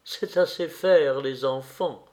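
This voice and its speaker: A man reading aloud and voicing an earnest, tender young woman in a soft, pleading way. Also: medium pitch, slow, natural voice. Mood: gentle.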